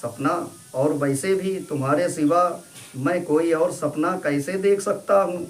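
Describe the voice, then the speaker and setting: A man voicing an affectionate middle-aged husband, gentle and coaxing, in a storybook reading. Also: on the high side, measured pace, close to an everyday voice. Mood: tender.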